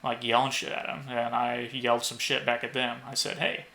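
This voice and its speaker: A young man co-hosting a podcast, telling rambling stories full of swearing and loudly acted-out quotes. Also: mid-range voice, monotone, brisk, gravelly. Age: young adult. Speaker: podcast co-host. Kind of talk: casual podcast chat.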